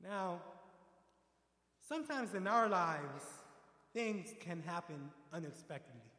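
A man preaching a sermon, building from calm storytelling to loud, emphatic passages and acting out voices. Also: high-pitched, slow pace. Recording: echoey hall with long reverb.

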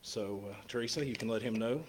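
A man's voice: fairly low pitch, fast, a little hiss or hum. A man giving an informal sermon and Bible lesson at a pulpit microphone in a church sanctuary. He speaks plainly, with many fillers and restarts. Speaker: guest preacher.

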